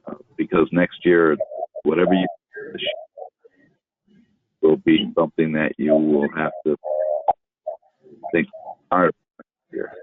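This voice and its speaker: Very deep man on a breaking-up phone line. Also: flat delivery, no echo. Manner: halting, many broken-off phrases. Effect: voice breaking up over a phone speaker. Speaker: board member calling in remotely. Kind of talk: town board meeting discussion.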